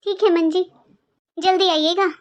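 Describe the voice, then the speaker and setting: A woman voicing a sad young pregnant daughter-in-law in an animated cartoon, talking in a plaintive, complaining, self-pitying way. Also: very high-pitched, normal speed.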